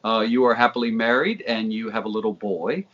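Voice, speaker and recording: A man's voice: fairly low pitch, fairly quick, a bit bright. A man conducting an interview, laying out background and asking questions. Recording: dull lo-fi audio.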